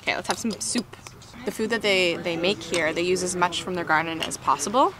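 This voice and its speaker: A woman's voice: on the low side, fairly quick, noisy background. A woman vlogging with casual, enthusiastic chat at an outdoor restaurant garden, recorded on a handheld camera. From Canada. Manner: chatty and enthusiastic, talks with mouth full. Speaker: travel vlogger.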